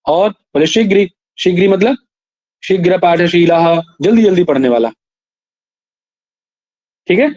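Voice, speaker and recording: Male lecturer, higher mellow voice, dry and muffled; recites slowly, explains, quizzes the room. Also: lively intonation, dry recording. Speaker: Sanskrit teacher. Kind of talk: classroom lecture.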